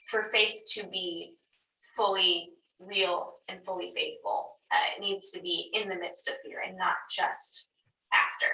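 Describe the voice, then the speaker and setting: A woman leading a church group discussion, speaking in a measured way and posing reflective questions. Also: medium pitch, pushed and bright. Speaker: Bible class leader. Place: church classroom. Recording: roomy room, distant mic, background hum.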